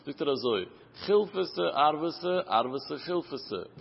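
A man's voice: a little high, lively intonation, takes it slowly, creaky, husky. A man with a Yiddish-inflected accent giving a Talmud lesson in a rising and falling study chant. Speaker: Torah teacher. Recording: muffled, echoey lo-fi hall recording.

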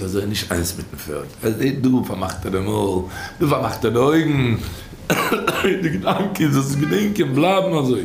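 A man telling a story and teaching as a religious teacher, animated, acting out the people in his tale with raised shouts. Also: on the high side, vocal fry, a little hiss or hum. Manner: lively, acts out quoted characters with raised shouts. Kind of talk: storytelling lesson. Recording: roomy echo, faint ambience.

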